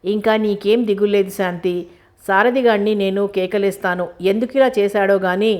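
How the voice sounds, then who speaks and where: A woman's voice: medium pitch, fairly even intonation, moderate pace, a little mellow, lightly acted. A woman reading the lines of a firm but kind grown man, in a storybook reading. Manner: firm, serious.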